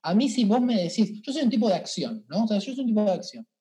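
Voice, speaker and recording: A man with an Argentine accent, a guest telling stories in a casual interview, animated and colloquial with frequent restarts. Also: sits high, fast talker. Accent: Argentine Spanish.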